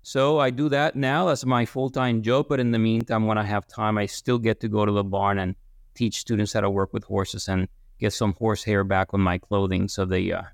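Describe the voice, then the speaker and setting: A man in his fifties from Puerto Rico speaks as an interview guest, relaxed and rambling, often restarting his sentences. His voice sits low with a gravelly fry. The recording is close and dry. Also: normal speed, no echo. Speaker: guest, veterinary business professor. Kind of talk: casual interview talk.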